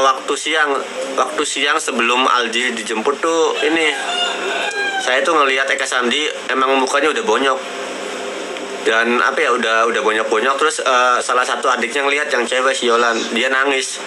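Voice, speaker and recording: A man in his 20s hosts a livestream, chatting casually in a mid-range voice with a steady tone. He recounts personal memories haltingly, often repeating words and phrases. The live stream is noisy, with clear background noise.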